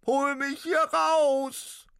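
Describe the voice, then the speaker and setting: A man voicing a trapped male ghost in a storybook reading, with a very high, squeaky, shrill voice. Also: flat delivery, extremely slow, vocal fry, a bit bright, no room sound, clean studio sound, heavily acted. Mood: frantic.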